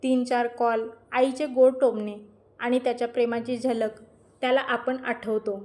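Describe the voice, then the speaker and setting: A woman narrating a gentle, emotional family story in a scripted storytelling style, speaking the dialogue softly. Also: on the high side, level tone, measured pace.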